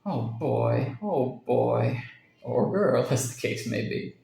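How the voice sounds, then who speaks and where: A man voicing an excited young husband in a story reading, in a roomy recording. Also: medium pitch, slow, creaky, heavily acted. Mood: eager. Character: excited young husband, cheerful then shaken.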